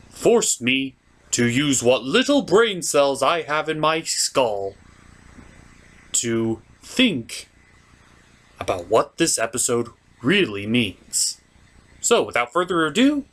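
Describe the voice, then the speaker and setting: A performer plays a grandiose, theatrical gentleman puppet host reviewing a cartoon from a script. The medium-pitched delivery is heavily acted, with dramatic pauses and mock outrage.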